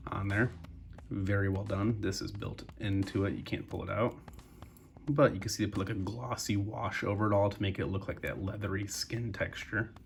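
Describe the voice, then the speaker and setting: A man's voice: lowish voice, gravelly. A young man with a congested voice, breathing through his mouth as he chats casually through a toy review. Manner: relaxed, chatty, addresses viewers as guys.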